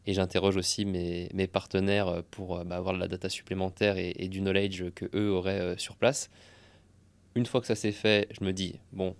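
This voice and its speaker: A man's voice: low-pitched, flat delivery, normal speed, gravelly, smooth. A male podcast host summarizing his guest's points in a hesitant, conversational way. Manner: summarizing, hesitant, many fillers.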